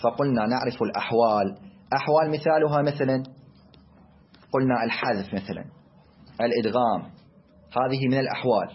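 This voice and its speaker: A man with an Iraqi accent teaching a class, speaking deliberately and asking and answering his own questions. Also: mid-range voice, breathy edge, lo-fi sound. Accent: Iraqi Arabic. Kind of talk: classroom lecture.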